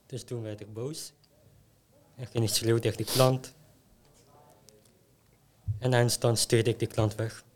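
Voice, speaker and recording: A man's voice: medium pitch, level tone, measured pace, long pauses, slight background noise. A young male student bluntly telling stories about his internship in a casual way. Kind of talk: casual storytelling.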